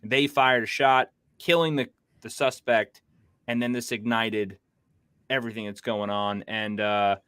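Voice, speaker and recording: A man's voice: lowish voice, steady tone, unhurried, bright, forceful tone, smooth, dry recording, studio quality. A man hosting a casual podcast livestream, rambling through news and reading chat comments aloud. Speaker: podcast host.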